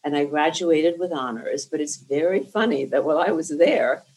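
In this oral history interview, a woman in her sixties from New Jersey, originally a Lithuanian speaker, reflects articulately on her life. She speaks at normal speed in a low, darkish voice, and the audio quality is poor.

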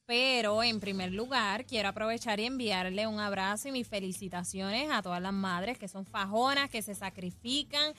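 A woman's voice: mid-range voice, sharp tone, a little hiss or hum. A young woman from Puerto Rico with a Puerto Rican accent, a regular on a radio show, chatting cheerfully and easily in a studio. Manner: cheerful, chatty, quick to laugh. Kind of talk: casual radio chat.

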